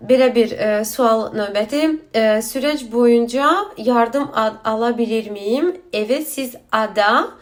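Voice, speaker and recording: Woman, slightly high voice, Azerbaijani accent, halting broken Turkish, informal explainer host. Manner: halting broken Turkish of a non-native speaker, mixed with Azerbaijani. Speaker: video host explaining asylum procedure. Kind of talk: informal explainer, question and answer.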